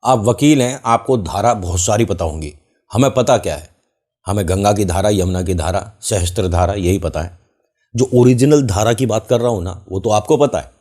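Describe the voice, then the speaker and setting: A man's voice: on the low side, normal speed, mellow. A man hosting a YouTube channel, telling a story in casual chat and acting out the voices of the people he quotes.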